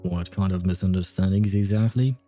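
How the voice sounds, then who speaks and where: A man's voice: sits low, fairly quick, warm tone, soft background music. A man giving casual game commentary as a streamer, in an amused, hesitant, rambling way. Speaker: gaming streamer playing through a story.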